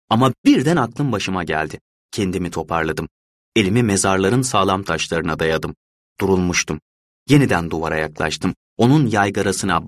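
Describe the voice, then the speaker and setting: Low, brooding male storyteller. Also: husky, no echo, studio quality. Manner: measured, brooding first-person storytelling. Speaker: narrator. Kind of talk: dramatic audiobook reading.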